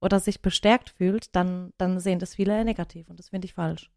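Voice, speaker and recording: A woman in her thirties, a podcast co-host, chatting casually and telling long stories in an animated way. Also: lowish voice, a little fast, creaky, no room sound, studio quality. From Germany. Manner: animated storyteller, talks at length. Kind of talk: casual chat.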